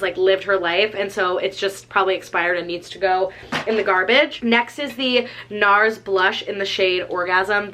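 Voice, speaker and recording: At home indoors, a young woman vlogs as she walks through her belongings, chatting casually and dropping "like" as filler again and again. Her mid-range voice is bright and forceful.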